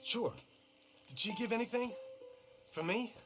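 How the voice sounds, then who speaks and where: A man's voice: very high-pitched, over music. An actor playing a nervous, earnest young man in a video game, talking in an anxious, pleading way. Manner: anxious, pleading, fast when worked up. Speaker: game character. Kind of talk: video game cutscene acting.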